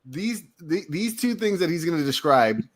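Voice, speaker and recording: A man co-hosting a podcast, cutting in and arguing his point in lively banter. His pitch runs a bit high and swings widely as he gets worked up. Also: normal speed, crowd noise. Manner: animated, interrupting, argumentative. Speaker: podcast co-host. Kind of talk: casual podcast chat.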